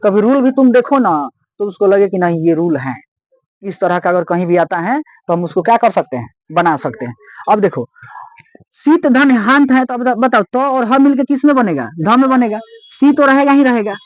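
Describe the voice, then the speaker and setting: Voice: medium pitch, animated, no echo. A teacher with a Bihari accent giving a step-by-step grammar lesson, repeatedly checking that students follow. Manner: repetitive, keeps asking students whether they follow; explains step by step, patient and drawn-out. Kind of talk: recorded Hindi grammar lesson. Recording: dull, dry lo-fi recording.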